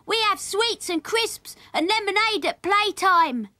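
A woman's voice: fairly high pitch, sing-song, normal speed, sharp tone, no echo, studio quality, pitched above the performer's own voice. A woman voicing a small, boastful, imaginative boy, speaking. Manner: boastful, insistent.

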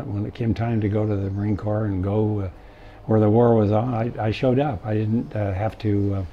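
An older man telling stories from his life in an interview, halting often with fillers. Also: on the low side, muffled recording, slight background noise. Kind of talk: casual storytelling.

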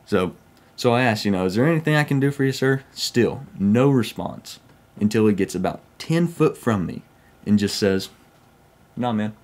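A fairly low voice with lively intonation moves at a moderate pace. The young Southern-accented speaker, a railfan vlogger from Oklahoma, United States, casually relates his first-person train stories in a folksy style from a small room at home.

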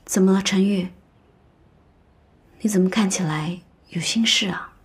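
A young actress playing a spirited, outspoken young woman who talks briskly and teases in a period TV drama. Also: mid-range voice, close to an everyday voice. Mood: gentle. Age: young adult. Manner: brisk, lively and teasing. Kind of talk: dubbed TV drama dialogue.

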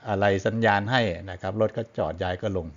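Male teacher, lower voice, patient and polite, lecture delivery, muffled lo-fi audio. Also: fairly even intonation, brisk. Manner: patient and explanatory, ends phrases with polite particles. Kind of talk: classroom-style lesson on Thai poetry.

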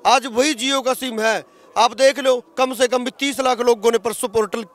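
His voice is very high-pitched and steady in tone, moving at a moderate pace: a protesting farmer in his thirties from Haryana, India, with a Haryanvi accent. He is emphatic and argumentative in an impassioned political street interview, recorded outdoors at a roadside protest camp on a handheld interview mic.

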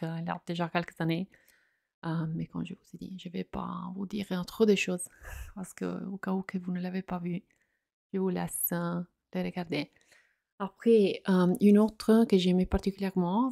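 Woman doing soft asmr chat, flat gravelly voice, lots of ums, non-native french, dry close sound. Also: mid-range voice, no echo. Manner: hesitant, many fillers and restarts. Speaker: ASMR channel host.

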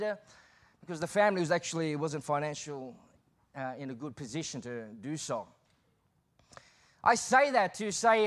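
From behind the pulpit on a church stage, a high-pitched, somewhat bright-voiced man in his thirties with an Australian accent gives a guest sermon. He starts off conversational and grows emphatic, captured by a pulpit microphone.

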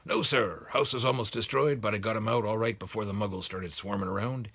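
Hagrid, a man doing a gravelly teary giant. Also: steady tone, fairly quick. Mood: eager. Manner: rough country speech, louder and higher than narration. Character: huge gentle male half-giant groundskeeper, emotional.

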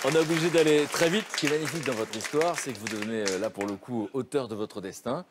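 A man hosting a talk show, interviewing a guest and moving the conversation along briskly. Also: medium pitch, a loud crowd, heavy background noise. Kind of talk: broadcast interview.

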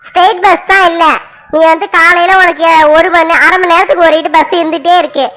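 An actress playing an angry village mother who scolds her daughter in a family drama, in a loud nagging voice. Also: very high-pitched.

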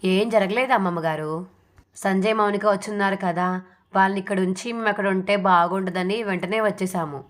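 A woman reading the part of a patient young wife who speaks softly and with resignation. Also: mid-range voice, steady tone, fairly quick, natural voice. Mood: resigned.

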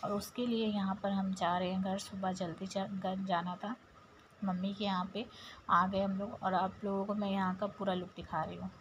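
A woman's voice: mid-range voice, flat delivery, moderate pace, a little hiss or hum, low-quality recording. A woman with an Indian accent narrating her home vlog to viewers in a chatty, step-by-step way. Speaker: vlogger. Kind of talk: casual vlog voice-over.

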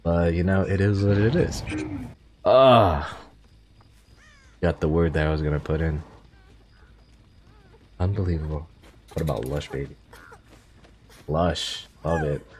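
A man's voice: sits low, measured pace, long pauses, a little mellow, slight background noise. A man streaming a video game, chatting casually with teammates and viewers as he plays. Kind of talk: casual live gameplay chat.

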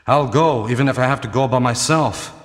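An actor playing Barry, a burly, well-meaning special-forces teammate, in stilted, exaggerated 1990s video game style. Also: male voice, mid-range voice, brisk, close to an everyday voice. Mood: protective. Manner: stilted, exaggerated swooping delivery. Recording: long hollow reverb.

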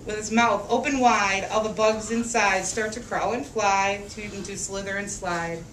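With a steady, unhurried, mid-range voice that is fairly bright, a woman reads a picture book to children in an emphatic sing-song, drawing out rhymes and posing questions to them. Faint background noise and a distant mic give the audio a roomy feel.

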